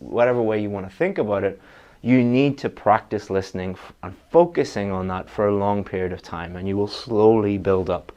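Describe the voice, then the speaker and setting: Man coaching exam students, lower voice. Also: darkish tone, muffled recording. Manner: direct, coaching, talks straight to students. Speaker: IELTS teacher. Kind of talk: online exam-prep lesson.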